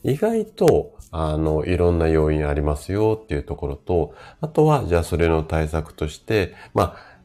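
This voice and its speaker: Very deep, gravelly, hoarse man in his fifties. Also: huge pitch swings, moderate pace, warm tone. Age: 50s. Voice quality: gravelly, rough voice from drinking the night before. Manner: chatty, explanatory, greets listeners by name. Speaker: host of a health live stream. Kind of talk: casual live-stream talk on health.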